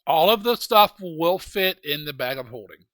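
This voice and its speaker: A man's voice: on the high side, expressive, moderate pace, fairly bright tone, no room sound. A man running a tabletop game as game master, talking casually and bluntly with some teasing and swearing.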